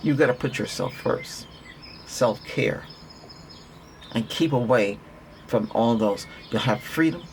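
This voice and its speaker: A man's voice: medium pitch, slow, creaky, long pauses, a little hiss or hum. A man giving a Reiki healing talk in an earnest, repetitive, conversational way, often restarting his sentences. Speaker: Reiki practitioner.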